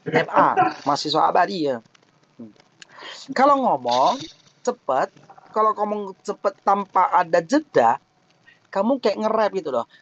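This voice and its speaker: A man's voice: high voice, a little slow, long pauses, lo-fi sound, slight background noise. A man giving a casual, joking webinar talk on thesis defense tips, often acting out little mock quotes to make his points. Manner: jokey, lively, acts out mock quotes. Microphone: online webinar mic.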